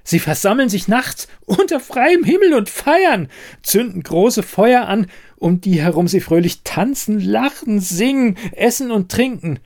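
A man voicing an excitable young village man who insists, eagerly and breathlessly, on what he has seen. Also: high voice, measured pace, voice pushed up, heavily acted. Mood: rapturous.

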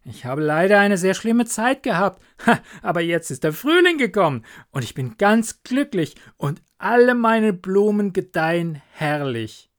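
A man's voice: big pitch swings, unhurried, few pauses. A man voicing a poor, humble young gardener in a storybook, speaking eagerly and gratefully in a raised voice. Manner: eager, grateful, high-pitched.

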